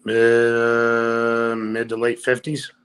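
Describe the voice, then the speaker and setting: A man's voice: mid-range voice, monotone, extremely slow, a bit bright, smooth. A man chatting casually as a panelist on a talk show. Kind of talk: casual chat.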